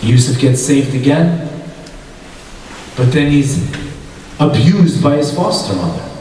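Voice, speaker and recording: A man's voice: medium pitch, animated, takes it slowly, warm tone, slight background noise. Man preaching in an echoey hall. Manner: asks the audience questions, repeats short phrases for emphasis. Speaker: youth conference speaker. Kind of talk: religious talk to a youth audience. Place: large hall with an audience. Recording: echoey hall, speaker far from the mic.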